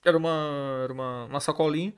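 A man, a podcast guest telling stories in casual chat, animated, laughing often and swearing. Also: a little high, fast talker, clear, resonant tone.

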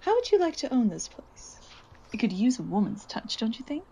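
A woman's voice: medium pitch, animated, moderate pace, lightly acted. A woman playing a seductive devil disguised as a woman in a horror audio drama, knowing, persuasive and coolly in control. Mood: coaxing.

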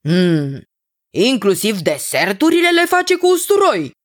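A woman's voice: on the low side, sing-song. A woman voicing a skeptical, blustering old king who questions his cousin. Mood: doubtful.

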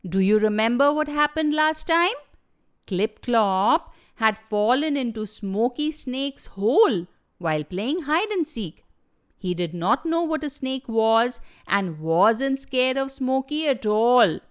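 Gentle woman reading a children's story. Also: fairly high pitch, clear, resonant tone. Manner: gentle, expressive, slow reading.

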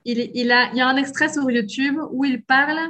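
A woman from Belgium with a softened Liège accent, explaining her views in a casual conversation with frequent hesitations. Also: high voice, steady tone, a little fast, a little hiss or hum. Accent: Belgian French, from Liège, softened.

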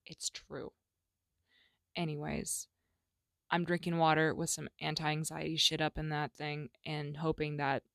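Slangy woman, gravelly low voice. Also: no room sound. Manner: candid, slangy, swings from loud to hushed. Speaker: solo podcast host. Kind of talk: casual solo podcast chat. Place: small closet at home.

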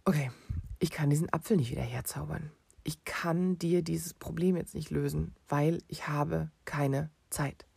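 A man voicing a hurried but patient father who explains things loudly and firmly. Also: fairly high pitch, vocal fry, husky, no echo, exaggerated voice. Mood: probing. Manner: loud, insistent, calm explaining under time pressure.

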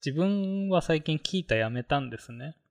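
A man's voice: a little high, lively intonation, normal speed. A man chatting casually about tech on a podcast, rambling with many fillers. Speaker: podcast co-host.

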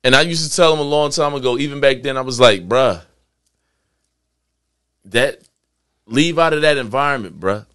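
A man's voice: mid-range voice, normal speed, pauses often, fairly bright tone, clear, resonant tone. A man in his forties hosting a podcast, talking emphatically in a casual chat, repeating himself and using slang. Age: 40s. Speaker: podcast host.

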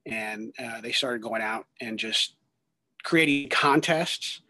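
A man's voice: medium pitch, slow pace, bright, forceful tone, dry recording. A man in his thirties, a ministry worker and guest, talking earnestly in a rambling way with many fillers and restarts. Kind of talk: conversational testimony.

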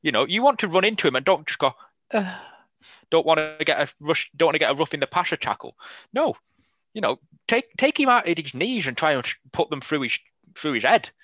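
A man talking football in a casual podcast chat, blunt and animated, swearing freely. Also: on the high side, fast talker, dry recording. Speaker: podcast guest. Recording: slightly dull, lo-fi mic.

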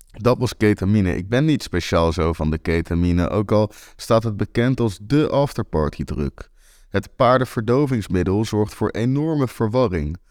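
A young man telling a first-person story in a wry, deadpan way. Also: lowish voice, no room sound, studio quality. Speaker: author and narrator.

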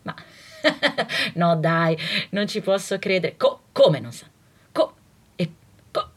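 A woman singer, delivering a theatrical, animated comic monologue. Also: lowish voice, slow, slightly rough.

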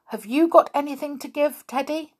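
A woman's voice: high voice, moderate pace, voice pushed up, natural voice. A woman voicing an anxious, earnest male toy soldier who pleads and warns. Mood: anxious pleading. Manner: pleading and worried.

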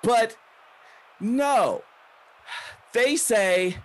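A man voicing a proud, furious woman wrestler who calls herself a warrior goddess, shouting indignantly. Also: a little high, very slow. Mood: wounded.

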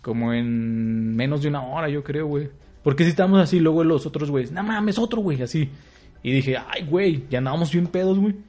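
A young man with a Mexican accent, co-host of a casual podcast. His voice sits a bit high, and he tells stories full of slang, laughing and acting out the lines of others. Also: brisk, mellow. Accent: Mexican Spanish. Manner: slangy, laughs often, acts out quotes. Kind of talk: casual chat.

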